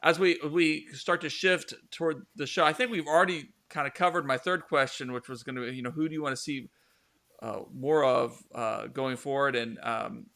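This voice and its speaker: A man's voice: medium pitch, fairly even intonation, moderate pace, fairly bright tone. A man hosting a casual soccer talk show, rambling with many fillers and restarts. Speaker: podcast host.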